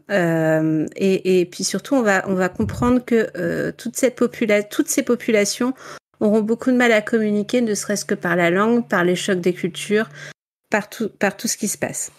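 Woman, book club chat, chatty, hesitant fillers, middle pitch. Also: normal speed. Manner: chatty, many fillers, laughs often. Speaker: book club member presenting a novel.

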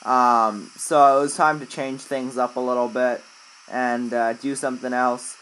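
Male video host, mid-pitched, informal and chatty gameplay commentary addressed straight to viewers. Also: fairly even intonation, measured pace, a bit bright, low-quality recording. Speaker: video host, flight simulator player.

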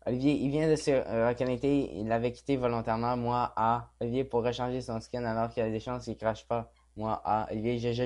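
A man's voice: mid-range voice, warm tone. A young man with a Quebec French accent casually reads a chat log aloud as a gaming vlogger, mumbling and swearing offhand.

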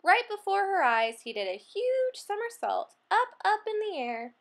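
A woman reading a children's picture book aloud in a high, bright-toned voice. She goes slowly and swoops up and down in pitch, playing up every line and the animal noises. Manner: expressive, acts out animal sounds. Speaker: storybook reader.

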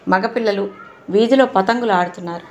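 A woman reading a novel aloud as an audiobook narrator in a steady, measured storytelling style. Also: medium pitch.

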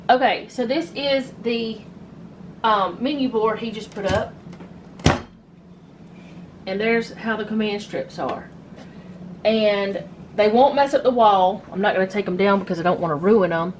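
A woman talks her viewers through household items at home, filming on a handheld phone. Her voice sits in an ordinary middle pitch, and she rambles and corrects herself in a loose, chatty way. A faint room hum runs underneath. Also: a little slow, pauses often. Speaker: home vlogger. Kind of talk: casual show-and-tell vlog. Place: home, indoors.

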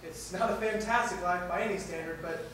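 An actor on stage playing an awkward nurse confessing love in halting, nervous rambles. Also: medium pitch, fairly bright tone, slight background noise, lightly acted. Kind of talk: stage play acting. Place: theatre stage. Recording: echoey theatre, miked from far off.

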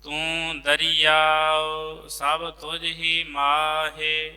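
A man teaching scripture recitation, singing the verses slowly and then quickly explaining how to pronounce them in a lower voice. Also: completely flat delivery, sharp tone, smooth. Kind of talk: chanted scripture recitation lesson. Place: large temple hall. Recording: long reverb of a large hall.

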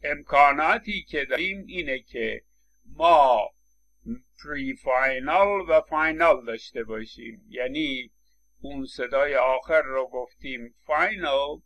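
A man's voice: medium pitch, a bit bright. A man lecturing on English phonetics, explaining step by step with frequent hesitation fillers. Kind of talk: university lecture.

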